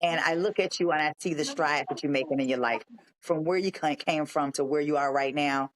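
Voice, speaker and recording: A podcast host with a mid-range voice leads an interview. The host keeps affirming the guest and repeats short agreements in a steady, encouraging way. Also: mid-range voice, brisk. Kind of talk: interview hosting.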